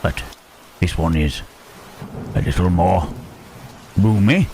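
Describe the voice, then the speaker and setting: Man voicing Frankenstein's monster, deep and hesitant. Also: takes it slowly, a little hiss or hum. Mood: tender, shy. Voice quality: hesitant, stammering, formal speech. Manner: soft questioning tags, huh, eh, hmm. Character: lonely, gentle male monster, shy and halting. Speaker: voice actor. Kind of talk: ASMR roleplay.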